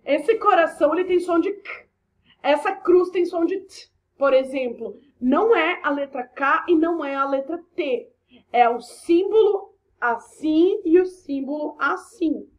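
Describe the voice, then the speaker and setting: A woman's voice: sits high, measured pace. A Brazilian woman teaching an English class, explaining step by step with chatty asides and frequent "ok?" checks. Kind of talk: recorded online class explanation.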